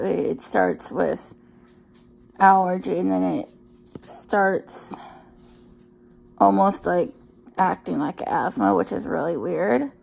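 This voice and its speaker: A woman's voice: on the low side, vocal fry, darkish tone, rough recording. A woman talking in a casual, rambling personal vlog, sounding weary and emotionally drained, hesitant and often trailing off. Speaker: vlogger sharing daily health updates.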